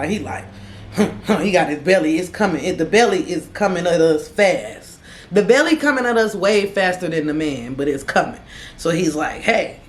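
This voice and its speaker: A woman vlogger telling a storytime to her viewers, dramatic, acting out each person and laughing as she goes. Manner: dramatic, talks to viewers as y'all; acts out voices with big pitch swings. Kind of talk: animated storytime. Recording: echoey room.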